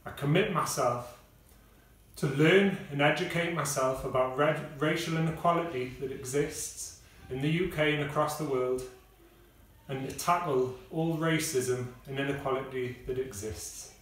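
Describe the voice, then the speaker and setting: A man's voice: on the high side, fairly bright tone. Guy teaching a beatbox lesson, kinda far from the mic, really echoey kitchen. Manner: measured, explaining step by step with pauses and fillers. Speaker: music teacher. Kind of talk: casual video lesson. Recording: echoey room, speaker away from the mic.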